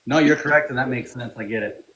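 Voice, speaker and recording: A man with a middle-pitched voice speaks in a relaxed, candid way on a podcast. He drifts through his thoughts and keeps checking in with the others. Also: quick pace, poor audio. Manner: laid-back, candid, leans on "you know what I mean". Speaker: podcast co-host. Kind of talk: casual chat.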